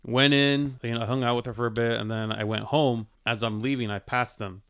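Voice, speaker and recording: A man's voice: medium pitch, fairly even intonation, a little fast, a bit bright, smooth. Laid-back man storytelling. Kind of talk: casual storytelling in a podcast chat.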